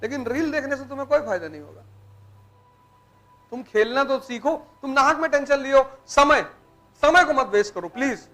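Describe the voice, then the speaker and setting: A man's voice: extremely high pitch, expressive, normal speed, a bit bright. A man giving a blunt, teasing motivational lecture to students in colloquial speech. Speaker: motivational teacher.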